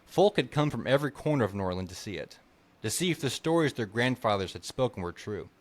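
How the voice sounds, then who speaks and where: A male author reading his fantasy novel aloud, then answering questions hesitantly with many fillers. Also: on the low side. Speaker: author, guest. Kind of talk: book reading and interview.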